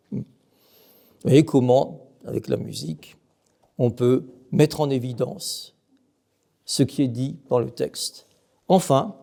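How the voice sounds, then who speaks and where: Explaining Byzantine chant with emphasis, a middle-aged monk breaks into brief sung examples and poses questions to the audience. His voice is mid-range, creaky, and dark.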